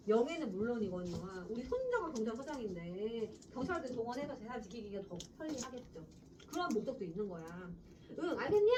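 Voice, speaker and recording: A woman lectures on literature to a class, chatty and quick to quiz her students. Her voice sits high and moves a lot. The sound is picked up from a distance in the classroom, with a faint hiss behind it. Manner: lively, chatty, quizzes students. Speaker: Korean literature teacher.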